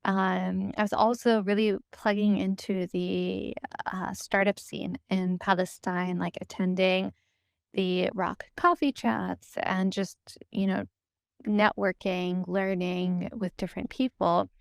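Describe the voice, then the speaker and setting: A woman with an American accent, from the United States, speaks slowly at a medium pitch with a level tone and some vocal fry. Her voice is clear and resonant, recorded in studio quality with no echo. A podcast guest and co-founder, she tells her story in a reflective, informal interview, often saying "like" and "you know."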